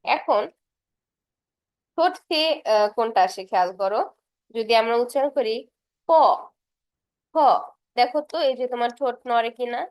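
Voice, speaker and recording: A woman's voice: a little high, a little fast, long pauses, smooth, no room sound. A young woman teaching a casual exam-prep lesson, patiently repeating terms and sketching as she explains. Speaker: tutor for university admission exams.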